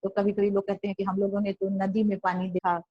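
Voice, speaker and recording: A woman teacher giving a classroom lesson, reading lines slowly and then explaining them in Hindi, often repeating and rephrasing. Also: medium pitch, level tone, no echo, highs cut off.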